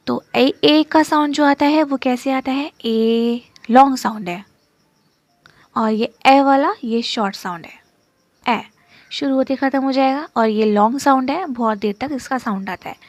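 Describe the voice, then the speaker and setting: Her voice sits high with a darkish tone, and there's no echo. She's writing out a shorthand lesson step by step, patiently going over terms again and pausing to ask "okay?"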